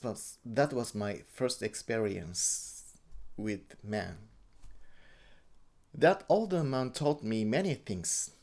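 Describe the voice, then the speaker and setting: Man, Japanese accent, medium pitch, slow pace, halting delivery with repeated words, first-person account. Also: darkish tone. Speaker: interviewee.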